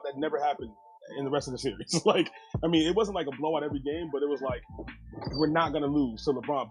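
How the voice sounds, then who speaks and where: A man in a casual online basketball chat, talking fast and loose with slang and frequent laughs. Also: on the high side. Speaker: guest caller.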